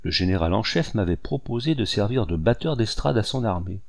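A man voicing a wry, modest old hunter in a storybook reading, with a low voice. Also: animated, a little fast, gravelly. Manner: amused, modest.

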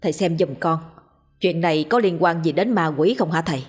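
A man's voice: a little high, brisk, soft background music, natural voice. A woman voicing a middle-aged village man who speaks reverently to a respected elder. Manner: deferential, reverent.

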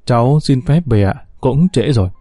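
A man's voice: medium pitch, animated, moderate pace, mellow, dry recording, clean studio sound, soft background music, close to an everyday voice. A man voicing a polite, composed young woman.

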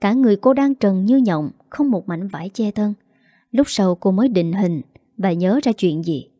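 A woman reads a romance audiobook in a steady and dramatic way. Her voice is mellow and soft-edged. The recording is dry and close, with no room sound. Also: mid-range voice, moderate pace, no room sound. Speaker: audiobook narrator. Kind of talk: scripted story narration.

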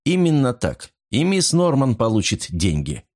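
A man's voice: mid-range voice, huge pitch swings, measured pace, darkish tone, pitched above the performer's own voice. A man voicing a stern male detective who speaks in clipped, emphatic sentences in an audiobook.

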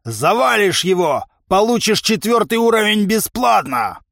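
A man voicing a sly, mocking male trainer who speaks loudly and sarcastically. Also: fairly high pitch, sing-song, unhurried, vocal fry, no room sound, studio quality, full character voice. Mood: teasing. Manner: loud, teasing and sarcastic.

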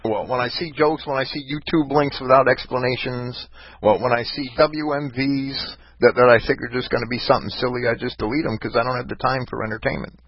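A man's voice: mid-range voice, steady tone, brisk, no room sound. A man hosting a casual call-in talk show, rambling and ranting with many restarts. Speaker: podcast host. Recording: dull lo-fi online voice chat.

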